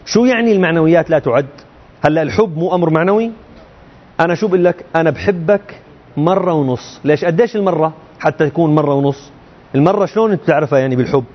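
In lo-fi audio, a man with a slightly high voice explains a creed to students at rapid-fire speed. He teaches the religious text colloquially and keeps aiming rhetorical questions at his listeners.

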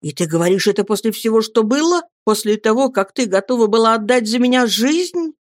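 A woman's voice: on the high side, expressive, a little fast, no room sound, studio quality, pitched above the performer's own voice, close to an everyday voice. A woman reading an ardent young Roman man. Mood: impassioned. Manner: emphatic, impassioned delivery.

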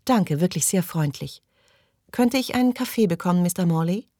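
A man's voice: high-pitched, lively intonation, moderate pace, a little mellow, no room sound, studio quality, pitched above the performer's own voice. A man voicing a frail, fussy elderly woman who is out of breath and talks politely. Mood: relieved, polite.

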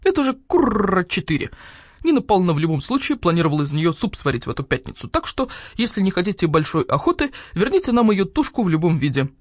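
A woman's voice: fairly low pitch, very animated, fast, dry recording, clean studio sound, pitched above the performer's own voice. A woman voicing a menacing guard dog chief who growls his words.

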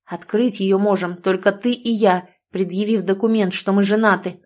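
A woman's voice: mid-range voice, fairly even intonation, moderate pace, a little mellow, close to an everyday voice. A woman reading the lines of a pushy, scornful young male fiancé in an audiobook, with a demanding, sneering manner.

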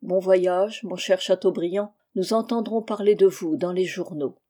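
A woman reading the lines of an aging deposed king, cordial and gently rueful, in a French audiobook. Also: sits high, fairly even intonation, unhurried. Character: aging deposed old king, genial and regretful.

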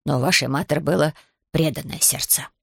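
A woman voicing a big, calm grown man who speaks in a low, gravelly, slow and measured way. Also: no echo, clean studio sound, full character voice. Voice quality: gravelly, husky.

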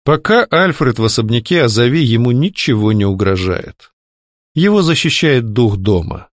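Lively-voiced man narrating a fantasy audiobook. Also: medium pitch, moderate pace, no room sound, clean studio sound. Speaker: audiobook reader. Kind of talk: first-person fantasy novel narration.

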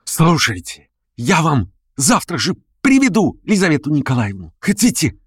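A man voicing a frantic, feverish young male conspirator who pleads in a high, breathless rush. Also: wildly swooping pitch, normal speed, slightly rough, dry recording, studio quality, exaggerated voice. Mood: pleading. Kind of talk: audiobook character reading.

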